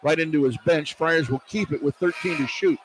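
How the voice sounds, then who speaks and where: Fairly quick and on the high side, the American man's radio call of live basketball comes in short, clipped bursts for each pass and shot. He's courtside in an indoor arena, and the broadcast picks up the venue's noise and a bouncing basketball.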